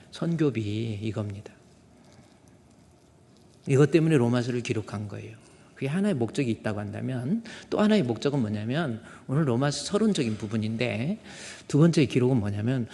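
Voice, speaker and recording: A man's voice: mid-range voice, dark tone. A male pastor preaching a sermon in a conversational way, often putting rhetorical questions to the congregation. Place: church sanctuary. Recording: long reverb of a church hall.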